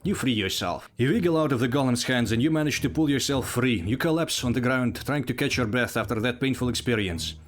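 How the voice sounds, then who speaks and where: A man's voice: medium pitch, brisk, hardly any pauses, slight background noise. A man reading out and narrating a text adventure game, casual, with asides.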